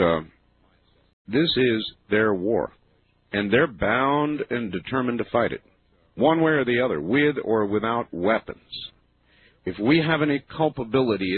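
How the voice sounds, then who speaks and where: A talk radio host with a husky, slightly breathy voice speaks in earnest, argumentative commentary. He muses aloud and lets his phrases sink low at the ends. The sound is tinny and narrow, like an old radio broadcast. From United States.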